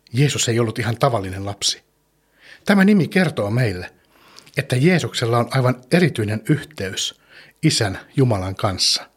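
Gentle husky-voiced man telling children's stories. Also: medium pitch. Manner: gentle, asks the listener questions. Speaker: children's podcast host.

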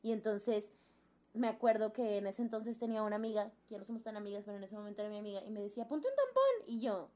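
Racing along in a mid-range voice, a young Mexican-accented woman recounts something that happened to her during a casual chat. She brings the story to life by performing the voices of each person involved.

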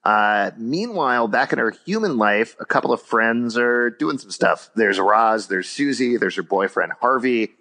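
A man's voice: mid-range voice, expressive, normal speed, hardly any pauses, bright, forceful tone. A man co-hosting a podcast in casual, joking chat, laughing often as he recaps an episode at length. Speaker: podcast co-host.

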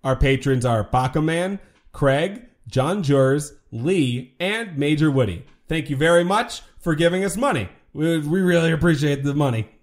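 A man's voice: on the high side, animated, measured pace. A man co-hosting a podcast in casual chat, with jokey, mock-dramatic exaggeration. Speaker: podcast co-host.

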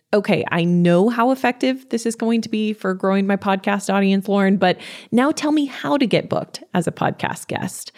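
A woman's voice: mid-range voice, a little mellow. Upbeat, tidy advice-vlogger woman hosting. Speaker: podcast host giving advice. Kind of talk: scripted upbeat how-to narration.

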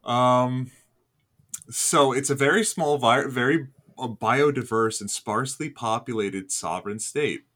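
Bright-voiced man with a New Jersey accent. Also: mid-range voice, unhurried. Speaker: podcast co-host. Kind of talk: casual group chat.

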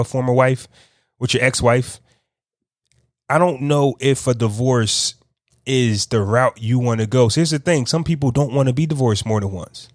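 A man hosting a podcast, giving casual unscripted commentary, talking slowly and thinking aloud with frequent restarts. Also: medium pitch, no echo, clean studio sound. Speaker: podcast host.

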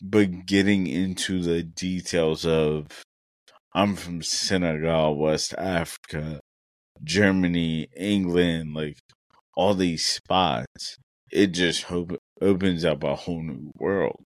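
Man, young adult, very deep voice, unhurried, reflective, earnest, podcast chat. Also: steady tone, no room sound. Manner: reflective, earnest, thinks aloud with many fillers. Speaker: podcast co-host. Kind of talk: casual podcast conversation.

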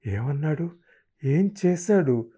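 A man voicing an affectionate, protective older mother-in-law in an audiobook reading, coaxing and quick to worry. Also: on the high side, lively intonation, mellow, breathy edge, voice pushed up, full character voice. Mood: worried. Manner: coaxing, worried, quickly indignant.

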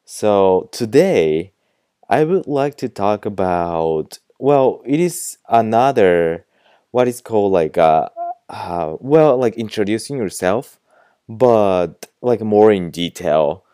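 A young Japanese man, speaking English with a Japanese accent, hosts a casual podcast lesson as a language teacher. His low, smooth, mellow voice is animated but slow, recorded close and dry with no echo. He rambles amiably, peppering his speech with "like" and "you know."

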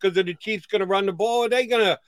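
A man talking football on a sports show, animated and firing off rhetorical questions. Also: high voice, fast talker, no echo. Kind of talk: casual sports talk.

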